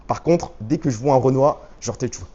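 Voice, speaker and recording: A man's voice: medium pitch, fairly quick, warm tone, husky, muffled recording. A man live streaming on a handheld phone rig, bantering in slang with his viewers and reading their chat messages aloud. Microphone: handheld phone rig with stabilizer.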